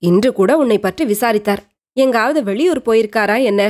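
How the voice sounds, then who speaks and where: A caring grown man speaks in a hushed, reassuring way, quietly protective, as a woman narrator puts him on. The voice stays fairly high. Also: a little fast, close to an everyday voice. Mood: gentle.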